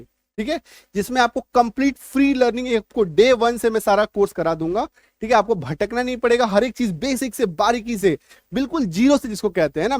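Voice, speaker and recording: पुरुष अंग्रेज़ी शिक्षक, सूखी नज़दीकी आवाज़. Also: male voice, extremely high pitch, no room sound, studio quality. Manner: patient, repeats words, checks understanding often. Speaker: English teacher. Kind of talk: online spoken English lesson.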